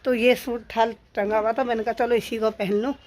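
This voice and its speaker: A woman's voice: on the high side, flat delivery, normal speed, a little mellow, a little hiss or hum. A middle-aged woman narrating her daily home routine in a chatty way, talking straight to her viewers. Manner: chatty, addresses viewers directly. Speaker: vlogger. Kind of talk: casual home vlog narration.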